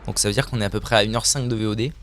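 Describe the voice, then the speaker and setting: A man's voice: fairly low pitch, steady tone, racing, fairly bright tone, slight background noise. A young man chatting casually as he streams a video game, joking about himself and slipping into silly voices now and then. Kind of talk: casual live-stream commentary.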